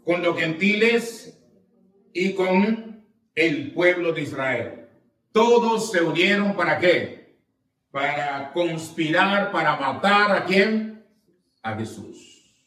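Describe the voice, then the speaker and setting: High-voiced preaching pastor in an echoey church. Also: male voice, animated, slow, pauses often, fairly bright tone. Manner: preaching with call-and-response questions; reads scripture aloud with rising emphasis. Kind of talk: sermon. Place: church sanctuary. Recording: echoey church, mic at a distance.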